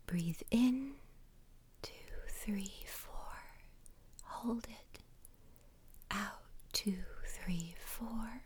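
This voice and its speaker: A woman guiding a relaxation exercise in a soft, soothing ASMR whisper, breathy and gentle, close to the microphone. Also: on the high side, a little hiss or hum. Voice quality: breathy, unvoiced. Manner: slow, unhurried instructing with pauses.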